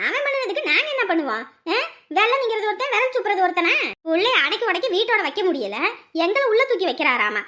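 A woman's voice: extremely high pitch, sharp tone. A woman with a Kanyakumari Tamil accent voicing quarrelsome village characters in a cartoon.

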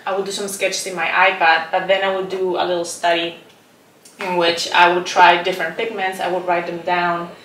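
With a fairly low pitch and flat delivery at normal speed, a Chilean visual artist in her thirties speaks softly and thoughtfully for a documentary, often saying "like" and "um." The recording is made from a distance inside a roomy painting studio, echoey and with slight background noise.

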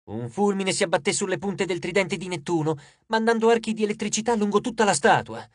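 A male audiobook narrator with a high voice that swings lively across each sentence. He tells the story with expressive energy. The recording is close and dry. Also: brisk, no room sound.

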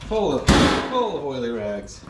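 A man in his forties, a garage channel host, musing aloud in a casual, rambling way while clearing out a cluttered old workshop, filmed on a handheld action camera. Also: medium pitch, sing-song, moderate pace, heavy background noise. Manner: rambling, musing, lots of fillers and trailing thoughts. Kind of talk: casual vlog commentary while cleaning. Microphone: action camera held at arm's length.

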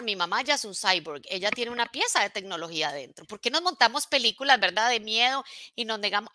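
A woman business coach giving an energetic motivational live talk, often checking in with her audience. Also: medium pitch, no echo, clean studio sound.

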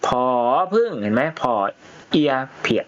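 Slow-spelling male reading teacher. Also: dull audio. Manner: slow, drawn-out reading, spells syllables letter by letter; ends phrases with polite particles, coaxing pupils to repeat. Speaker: primary school Thai reading teacher. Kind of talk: reading lesson, word-by-word read-aloud with spelling.

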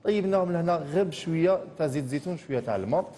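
Fast-talking Algerian chef in echoey studio. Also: male voice, a little high, lively intonation, dark tone, slight background noise. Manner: rapid, explaining steps. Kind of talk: cooking demonstration. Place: TV studio kitchen.

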